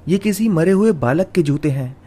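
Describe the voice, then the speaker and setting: A man's voice: on the high side, expressive, moderate pace, mellow, breathy edge. A man voicing a stern old male holy man who commands a spirit to leave, with a grave, commanding manner.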